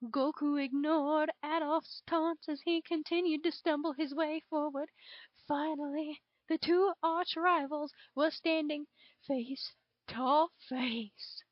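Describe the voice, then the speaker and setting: A woman voices a very high-pitched Southern belle dragon storyteller, giving a dramatic fan fiction reading in a theatrical way with drawn-out emphasis. Her tone stays steady and the mood is one of dramatic storytelling. The recording is dry, dull and lo-fi, made at home.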